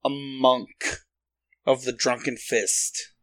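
A man's voice: medium pitch, little pitch movement, slow pace, no echo. A man describing his moves casually as a player in a tabletop game.

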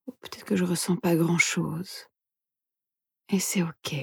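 Woman's slow, soothing near-whisper guiding meditation. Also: lowish voice, fairly even intonation, dry recording, clean studio sound. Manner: soothing, soft, breathy near-whisper with gentle pauses. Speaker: meditation instructor and podcast host. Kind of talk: guided mindfulness meditation.

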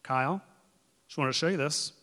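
Man putting on a strict scolding teacher, brisk mock-cheer, bright edge, long reverb. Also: a little high. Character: strict teacher God grading a report card.

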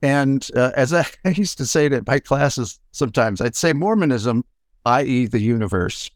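An older man, a music professor, giving a reflective, halting acceptance talk full of pauses and restarts. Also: mid-range voice, animated, dry recording, studio quality. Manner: halting, many fillers and restarts. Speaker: award recipient, music professor.

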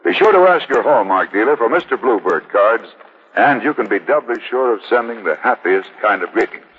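A man's voice: fairly low pitch, animated, brisk, a little hiss or hum. An American man in the polished sales delivery of an old radio announcer, reading scripted 1940s sponsor messages and credits. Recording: tinny vintage radio broadcast, music behind.

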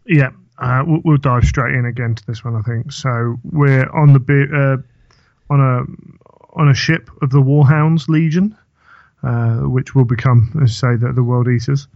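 Male podcast co-host, relaxed recap style, muffled lo-fi mic. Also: mid-range voice, normal speed, no echo. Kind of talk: casual podcast chat. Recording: dull lo-fi microphone.

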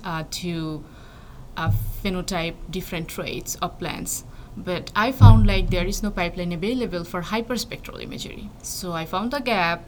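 A young Bangladeshi woman studying for a PhD in plant breeding answers interview questions thoughtfully, with many fillers and restarts. Her voice is on the low side, the audio quality is poor, and faint background noise can be heard.

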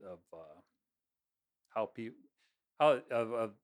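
A man's voice: medium pitch, animated, takes it slowly. A man speaking as an interview guest about his work, rambling with frequent restarts and easy laughter. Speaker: guest, construction and plant project worker. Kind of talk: casual conversational interview.

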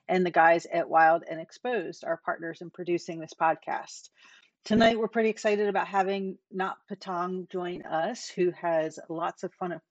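Low-voiced woman hosting a podcast. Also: dry recording. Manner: relaxed, with fillers. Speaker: podcast host. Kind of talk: casual podcast intro. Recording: dry, dull lo-fi sound.

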